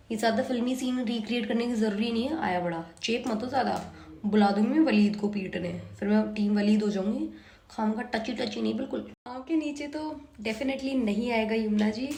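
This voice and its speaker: A woman's voice: on the high side, a little mellow. A young woman with an Indian Hindi accent, chatting casually and giggling as she reacts to a drama and teases its characters. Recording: echoey room with faint hiss.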